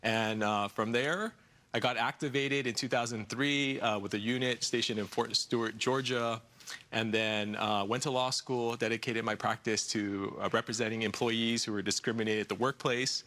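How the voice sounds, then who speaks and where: An American congressional candidate in his forties answers questions in a TV news studio, earnest but full of fillers and repeated words. His mid-range voice is steady and sharp-toned, at a normal speed.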